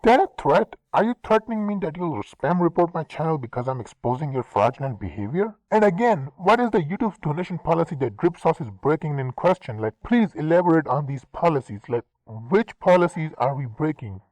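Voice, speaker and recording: A man with a fairly high, very animated voice argues in a heated online debate. He sounds confrontational and keeps demanding evidence, recorded dry and close. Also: fairly quick, few pauses, no echo, low-quality recording. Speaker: commentary channel host.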